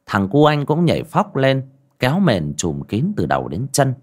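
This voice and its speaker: A man narrating a spooky folk tale in a dramatic way that turns hushed at tense moments. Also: medium pitch, wildly swooping pitch, moderate pace. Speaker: storyteller.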